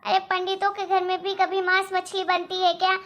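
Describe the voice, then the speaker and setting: A woman's voice: very high voice, little pitch movement, unhurried, lo-fi sound. A woman doing a shrieking mother-in-law. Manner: shrieking, scolding. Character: shrill angry older mother-in-law. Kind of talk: animated story voice acting.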